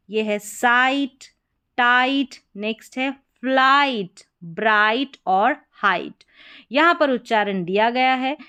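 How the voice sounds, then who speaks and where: A woman with a smooth, resonant voice pitched a little high walks learners through spelling patterns. She spells words out slowly letter by letter, repeats each pronunciation and checks in with short affirmations. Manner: slow, patient letter-by-letter spelling out. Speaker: English reading teacher. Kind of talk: explaining spelling patterns step by step.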